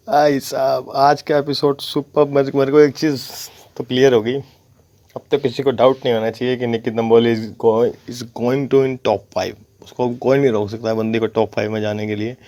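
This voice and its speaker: A man's voice: medium pitch, darkish tone, no echo. A young man giving casual commentary on a reality show, chuckling constantly and teasing the contestants.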